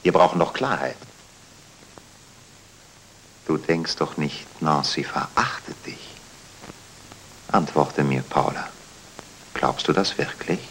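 An actor playing a controlling husband in a 1940s film dub, coaxing and insistent. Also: male voice, very deep voice, a little slow, fairly bright tone, a little hiss or hum, exaggerated voice, low-quality recording. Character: controlling smooth-talking husband, middle-aged man.

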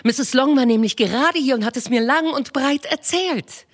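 A woman reading as a shrill, excitable mother. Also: normal speed. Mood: excited. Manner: shrill, eager and insistent. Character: fussy, excitable middle-aged mother of five daughters. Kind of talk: audiobook reading.

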